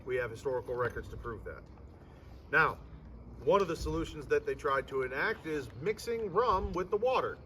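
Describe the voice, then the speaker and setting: With a fairly high, sharp voice at a moderate pace, a ghost tour guide animatedly tells stories to his group outdoors in a fort courtyard. His humour is irreverent and his emphasis theatrical, captured by a distant mic over noisy outdoor surroundings.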